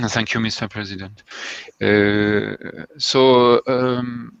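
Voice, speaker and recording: A male examiner speaks very slowly in a low, gravelly voice at a thesis defense. He hesitates and rewords as he goes. The sound is dull and dry, like a video call. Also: fairly even intonation, a bit bright. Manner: hesitant, searching for words, self-correcting. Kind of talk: halting formal remarks and questions at a thesis defense.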